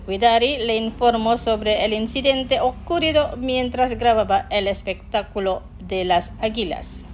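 A woman hosting a scripted radio language lesson, pronouncing words slowly and carefully so that listeners can repeat after her. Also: fairly high pitch, a little hiss or hum. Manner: slow, careful pronunciation for learners to repeat.

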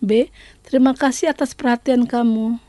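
A woman hosting a scripted radio language lesson, speaking slowly and repeating each phrase twice. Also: a little high, steady tone, warm tone, dry recording.

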